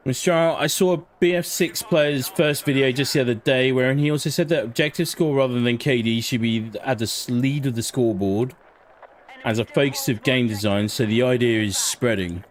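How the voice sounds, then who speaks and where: A man's voice: mid-range voice, a little fast. A man doing casual live commentary as he streams his gameplay. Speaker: game livestreamer. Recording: faint game noise behind voice. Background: faint shooter game sounds.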